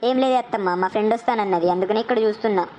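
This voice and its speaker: A woman voicing a young village girl, talking in a hurried, secretive way. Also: mid-range voice, warm tone, a little hiss or hum, lightly acted, poor audio. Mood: innocent. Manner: hurried, secretive phone talk.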